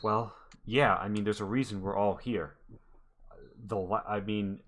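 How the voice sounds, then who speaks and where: A man's voice: fairly low pitch, steady tone, unhurried, a bit bright. A man playing a wary, blunt, protective townswoman who talks defensively in a tabletop game. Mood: bitter, blunt. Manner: blunt, defensive, hesitant starts.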